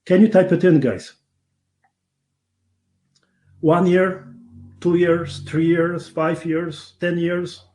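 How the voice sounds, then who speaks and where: Speaking slowly with long pauses, a man with a high, steady, warm voice runs an online webinar. Born in Poland and carrying a Polish accent, he makes a persuasive case and repeatedly asks listeners "right?".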